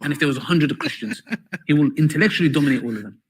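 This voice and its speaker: A man answering an interview question in a played clip, speaking in an earnest, halting way. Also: on the high side, lively intonation, husky.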